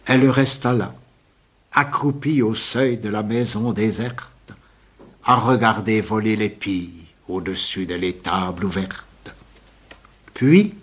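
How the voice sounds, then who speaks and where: An older man recites his own poems with great slowness, lingering on each line in a measured, lilting rhythm. His voice is husky and sits fairly low. He gives every verse a gentle, deliberate weight. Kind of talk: poetry recitation.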